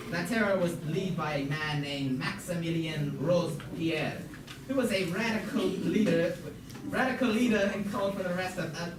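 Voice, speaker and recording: A teenager or young student with a medium-pitched voice lightly acts Schnitzelbach, a formal, mock-learned puppet museum guide, in an amateur school show. The lecture comes out haltingly, with stumbles over words. The recording is noisy and echoey, taken far from the mic.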